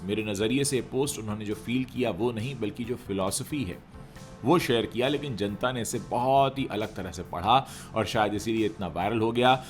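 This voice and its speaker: A man giving conversational entertainment news commentary, talking straight to viewers with rhetorical questions. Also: mid-range voice.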